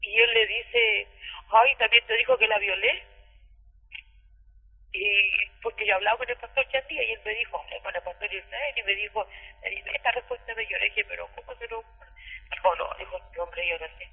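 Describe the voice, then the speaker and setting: Middle-aged Chilean woman on a phone call, gravelly and husky, halting emotional testimony, tinny line with a long echo. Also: mid-range voice. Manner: halting, repeats herself, tearful retelling. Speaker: caller recounting abuse. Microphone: telephone.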